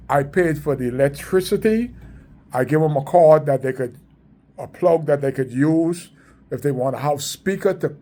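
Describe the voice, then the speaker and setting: A man's voice: a little high, darkish tone. Emphatic Bahamian man telling stories. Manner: emphatic, repetitive, preaching tone. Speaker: community sports organizer. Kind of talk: storytelling monologue.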